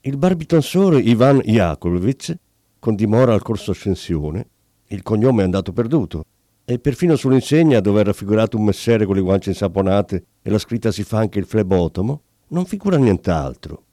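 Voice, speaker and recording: A man reading a classic tale aloud in a theatrical, expressive storytelling manner. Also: fairly low pitch, brisk, no echo, studio quality. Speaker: narrator.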